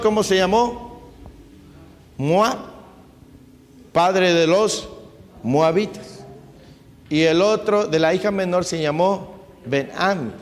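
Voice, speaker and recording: High-voiced preacher in a reverberant hall. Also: male voice. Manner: preachy, rhetorical questions, quotes others mockingly. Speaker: pastor. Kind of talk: sermon.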